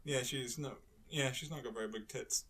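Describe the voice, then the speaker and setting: A man's voice: mid-range voice, normal speed, fairly bright tone. A man co-hosting a podcast in crude, mocking banter, laughing constantly between lines. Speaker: podcast co-host.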